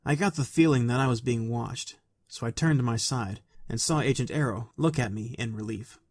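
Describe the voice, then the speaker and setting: A man narrating a fan story aloud in a quiet, even, soft-spoken way. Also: medium pitch, normal speed, dry recording.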